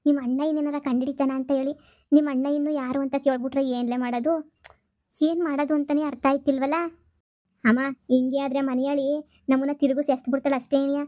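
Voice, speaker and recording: A woman's voice: high-pitched, level tone, fairly quick, dark tone, dry recording, muffled recording, lightly acted. A woman playing a pleading, nagging village wife and daughter in a comedy skit.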